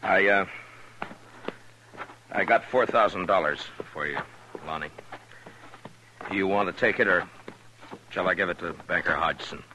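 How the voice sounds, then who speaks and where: An American actor playing a gruff but kindly middle-aged frontier marshal in a 1950s radio western. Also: male voice, deep voice, a little slow, long pauses, pushed and bright, a little hiss or hum, poor audio. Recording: vintage radio recording, music behind.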